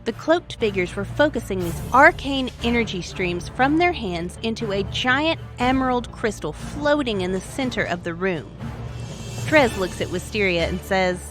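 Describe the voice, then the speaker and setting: A woman's voice: medium pitch, expressive, normal speed, over music. A woman hosting a story show, reading a scripted narration of a tabletop adventure in a wry, dramatic way. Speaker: story podcast host.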